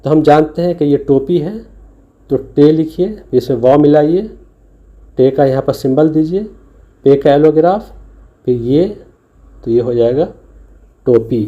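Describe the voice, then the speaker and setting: A man's voice: on the high side, measured pace, pauses often, highs cut off. A man teaching Urdu letters over slides, patiently sounding out letters and syllables one by one. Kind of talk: recorded lesson explaining a slide.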